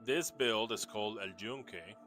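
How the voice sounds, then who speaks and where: With faint music behind him, this Puerto Rican man speaks in a lowish, pushed, bright voice at a moderate pace. He casually rambles through his game character builds, restarting often and leaning on plenty of fillers.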